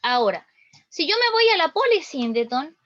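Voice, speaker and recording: A woman explains literary devices to her students in a high voice. She goes step by step and keeps checking that they follow. The recording is dull, dry and lo-fi. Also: sing-song, normal speed, a bit bright, no echo. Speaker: teacher.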